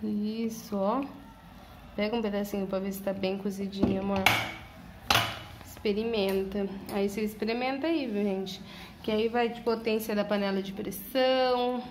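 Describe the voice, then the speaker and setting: A woman's voice: medium pitch, steady tone, moderate pace, noisy background. A young woman from Brazil hosting a casual home cooking vlog, chatting to viewers and cheering on her partner as he cooks. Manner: chatty, addresses viewers directly, praises and prompts her partner. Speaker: channel host filming her husband cooking. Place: home kitchen.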